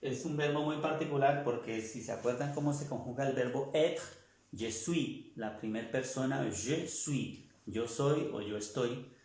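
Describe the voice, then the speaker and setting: A man teaching a language lesson, patiently repeating each word and form slowly for his students. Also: mid-range voice, darkish tone. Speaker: French teacher. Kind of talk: slow classroom lesson with repetition. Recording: echoey room, mic far off.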